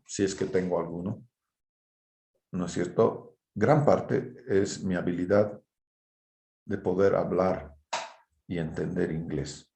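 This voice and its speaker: A university engineering lecturer with a low, gravelly, darkish voice teaches students informally and didactically, often checking in with short tag questions. The audio is roomy and echoing, like an online class.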